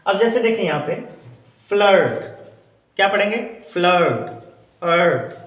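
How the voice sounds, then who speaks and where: Guy with a high voice teaching phonetics, says each word slow and drawn out again and again, roomy echo. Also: lively intonation, a bit bright. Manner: explains slowly, drawing out and repeating example words. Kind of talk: Hindi-language English phonetics lesson.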